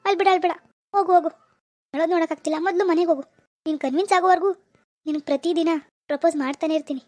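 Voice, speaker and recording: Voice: extremely high pitch, fairly even intonation, very fast, darkish tone, no echo. A performer voicing a pushy young man who stalks a schoolgirl in a cartoon, syrupy one moment and menacing the next. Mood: pleading. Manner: menacing and syrupy, calls her baby. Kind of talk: Kannada cartoon voice acting.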